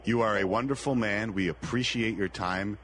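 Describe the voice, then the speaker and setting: A man's voice: fairly low pitch, moderate pace, a bit bright, a little hiss or hum. A man co-hosting a sports talk show, teasing and arguing playfully with his partner. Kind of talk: casual sports radio banter.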